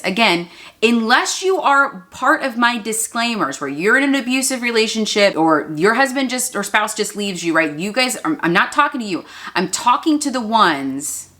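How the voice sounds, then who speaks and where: A woman's voice: a little high, sharp tone. Earnest blunt woman in her thirties. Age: 30s. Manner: earnest, blunt, preachy, addresses viewers as "y'all" and "you guys". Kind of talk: direct-to-camera advice talk.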